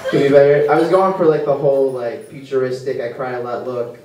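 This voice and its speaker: A man's voice: mid-range voice, fairly even intonation, brisk. Awkward rambling stand-up man, echoey club. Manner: rambling, awkward, self-deprecating. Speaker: stand-up comedian. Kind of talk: stand-up set. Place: comedy club stage. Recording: echoey club room, mic far off, loud hiss.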